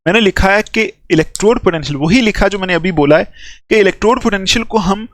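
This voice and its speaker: A man's voice: high voice, fairly bright tone, no room sound. A male chemistry teacher giving a lecture. He dictates notes phrase by phrase and keeps checking in with his students. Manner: repeats phrases slowly for students to copy, frequent "theek hai" check-ins.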